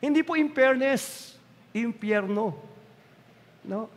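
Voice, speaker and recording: A man's voice: extremely high pitch, lively intonation, takes it slowly, long reverb tail. A male pastor preaching a sermon, emphatic and repetitive, slipping English phrases into his talk. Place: church hall.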